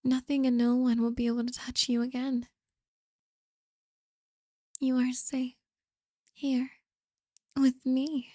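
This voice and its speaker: Woman doing a creepy yandere girlfriend, ASMR role-play, soft slow voice, sweetly controlling, super dry close sound. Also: high voice, monotone, no echo. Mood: sweetly possessive. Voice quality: soft, breathy, often soft-spoken. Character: possessive, manipulative yandere girlfriend, sweetly menacing.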